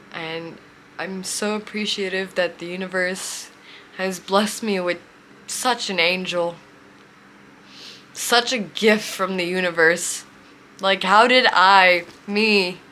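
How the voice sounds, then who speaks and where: A woman in her twenties telling a heartfelt personal story, emotional and near tears, speaking haltingly. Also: mid-range voice, pushed and bright, a little hiss or hum. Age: 20s. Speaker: vlogger.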